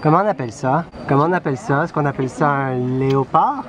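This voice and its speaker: A woman's voice: sits low, fast talker, highs cut off. Woman, Quebec French accent, cooing to toddlers, handheld camera, outdoor zoo, noisy crowd. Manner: cooing, sing-song talk to toddlers. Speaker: parent filming a family zoo outing. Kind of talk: home video narration to young children. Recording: loud crowd chatter outdoors.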